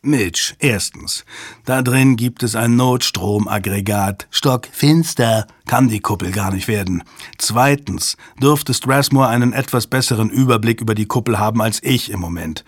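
A gruff male technician lectures and waves off concerns with brusque impatience, as a male narrator puts him on. The husky voice is close and dry, read for a storybook thriller. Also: lowish voice, unhurried, no room sound. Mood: impatient.

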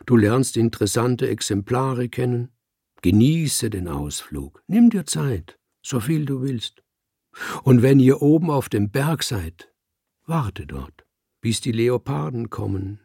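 A gravelly, husky old tomcat read by a man muses slowly about seeing and being. The voice sits a little low and soft, close and dry, with no room around it. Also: big pitch swings, no echo, exaggerated voice. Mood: advising. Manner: musing, philosophical, drawn-out. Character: old wise tomcat in the afterlife. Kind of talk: audiobook reading.

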